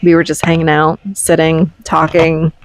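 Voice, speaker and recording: Low-voiced woman narrating a casual vlog. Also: completely flat delivery, moderate pace, a little hiss or hum, low-quality recording. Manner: conversational, explanatory. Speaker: vlogger. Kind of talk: casual voice-over recap of a trip.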